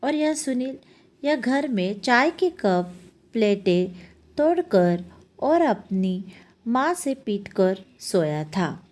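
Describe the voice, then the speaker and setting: Woman voicing a complaining fairy, storybook, lilting, unhurried. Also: a little high, big pitch swings, a little mellow, pitched above the performer's own voice. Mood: accusing. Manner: complaining, accusing. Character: tattling female sleep fairy.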